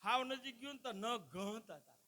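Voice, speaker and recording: Brief: male folk comedian, very high, sharp, ringing voice, animated stage delivery. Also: normal speed. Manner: animated, addresses the crowd as "saheb". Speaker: stand-up folk comedian at a dayro. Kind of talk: live comic storytelling to an audience.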